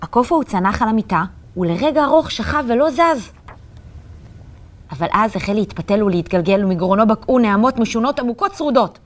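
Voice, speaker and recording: A woman narrating a children's story in an expressive, animated way. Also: on the high side. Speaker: story reader.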